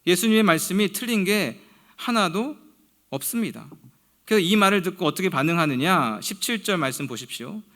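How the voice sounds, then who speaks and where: Earnest Korean pastor preaching, fairly high voice. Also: male voice, animated. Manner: earnest preaching, drops to a hushed low voice at phrase ends; slows down to read scripture quotes aloud. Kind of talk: sermon.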